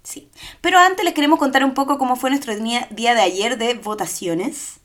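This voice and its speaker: A young woman with a Chilean accent and a high, light voice. She tells stories in casual chat, loose and slangy, and keeps laughing along the way. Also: a little fast. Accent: Chilean Spanish. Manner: lively storytelling with slang and laughs. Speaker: podcast co-host.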